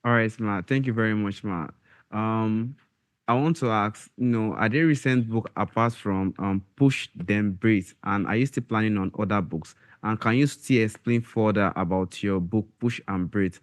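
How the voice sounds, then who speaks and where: A man's voice: lowish voice, moderate pace. A man hosting a podcast interview, asking long questions politely and calling his guest ma. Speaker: podcast host.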